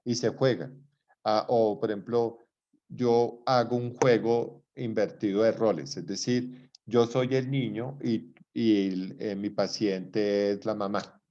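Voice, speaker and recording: A man's voice: on the low side, steady tone, takes it slowly, dark tone. A middle-aged man giving an online lecture, explaining at length and often checking that his listeners follow. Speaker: lecturer in psychology. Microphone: video call. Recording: dull video-call audio.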